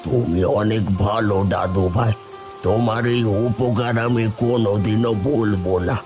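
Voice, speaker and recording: A man's voice: lowish voice, steady tone, a little slow, lightly acted. A man voicing a hungry, humble old village man in a cartoon, speaking in a pleading, grateful way. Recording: background music.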